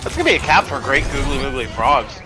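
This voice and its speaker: A man's voice: medium pitch, expressive, fast talker, music in the background. A man casting an amateur video game match with playful, rambling play-by-play commentary full of ums. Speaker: esports caster.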